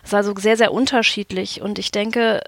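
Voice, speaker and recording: A woman's voice: medium pitch, fairly even intonation, fairly quick, vocal fry, fairly bright tone, no echo. A woman explaining things conversationally as a podcast guest. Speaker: podcast guest, game shop owner and childminder.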